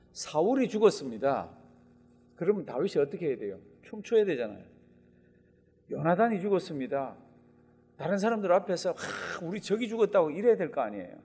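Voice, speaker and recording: A husky-voiced male pastor preaches in a lively, swooping delivery that sits on the higher side for a man. He acts out quoted lines with sudden loud outbursts. His voice rings through the long reverb of a church hall. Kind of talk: sermon.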